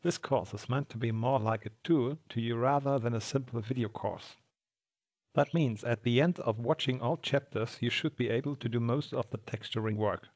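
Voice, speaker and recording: A man with a German accent, a native German speaker, introducing a software texturing course in a measured, slightly formal way. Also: medium pitch. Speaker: course instructor. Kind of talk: scripted tutorial introduction.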